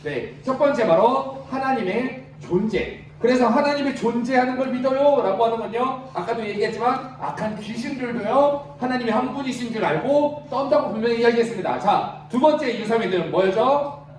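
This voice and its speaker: A man's voice: extremely high pitch, normal speed. A man preaching as an evangelist at a youth retreat, asking the crowd questions and leading them in reading aloud. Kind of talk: interactive sermon. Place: large hall at a youth summer retreat. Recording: very echoey hall, mic far off.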